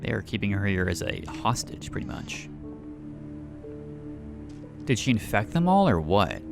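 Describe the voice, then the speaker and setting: A man's voice: on the low side, very animated, a little slow, gravelly, music in the background. A man giving casual let's play commentary, thinking aloud and reading game notes. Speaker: gaming YouTuber.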